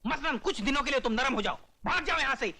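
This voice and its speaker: A boastful scheming sidekick. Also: male voice, extremely high pitch, lively intonation, quick pace, sharp tone, full character voice. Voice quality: boastful, theatrical. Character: scheming, know-it-all adult male sidekick. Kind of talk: dubbed film dialogue.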